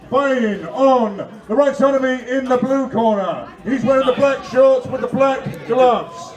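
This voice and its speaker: A man working as a boxing ring announcer, hyping up fighters in drawn-out introductions that build to shouts. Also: very high voice. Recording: roomy PA from far off, crowd.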